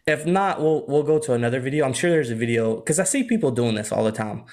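A man's voice: medium pitch, expressive, fast, a little mellow. A young man co-hosting a casual podcast chat, laughing often and filling his talk with "like.". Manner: laughs often, chatty with frequent "like" fillers. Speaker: podcast co-host.

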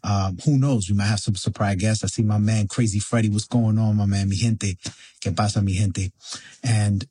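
A man's voice: on the low side, steady tone, moderate pace, mellow, husky. A man hosting a podcast in casual live chat, informally slipping Spanish phrases into his English. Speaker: podcast host.

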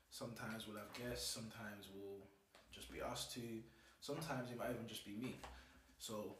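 A man's voice: fairly low pitch, recorded from a distance. A young man with a London roadman accent, chatting casually in street slang as a podcast host. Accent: London roadman, multicultural London English. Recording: roomy, noisy, off-mic.

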